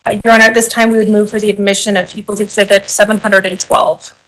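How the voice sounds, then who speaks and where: A woman's voice: medium pitch, level tone, fast talker, fairly bright tone, rough recording. A woman speaking formally in court as a prosecuting attorney questioning a witness.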